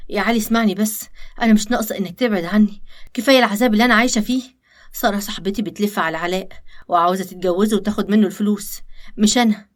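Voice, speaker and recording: A woman with an Egyptian accent voicing a tired young woman complaining of her hard life, in an animated story. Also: medium pitch, racing, close to an everyday voice. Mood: weary. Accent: Egyptian Arabic. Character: weary young woman, secretly plotting.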